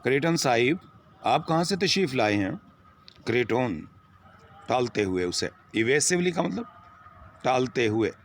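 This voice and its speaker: A man's voice: medium pitch, sing-song, measured pace, long pauses, a little hiss or hum. A man with a Pakistani accent teaching English to a first-year class, reading lines of a text and translating and explaining each phrase.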